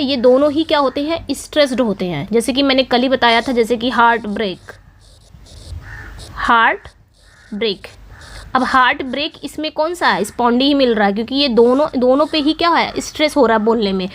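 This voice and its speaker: A woman teacher explaining poetry meter in a class video, patient and repetitive, checking in with her students often. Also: high-pitched. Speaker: English teacher.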